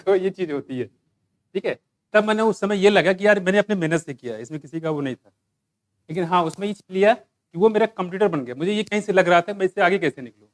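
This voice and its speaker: A man's voice: high voice, lively intonation, quick pace. A man with an Indian accent teaching a biology lesson, conversational, mixing in English terms and telling his own stories to motivate students. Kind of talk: online class lecture.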